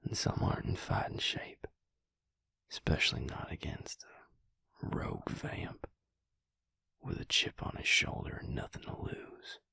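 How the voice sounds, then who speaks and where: In an intimate audio roleplay, a male actor plays an earnest, protective vampire lover, murmuring in a breathy, husky whisper with a soothing, folksy drawl. He keeps a measured pace, his tone is sharp, and the mood is somber and confiding.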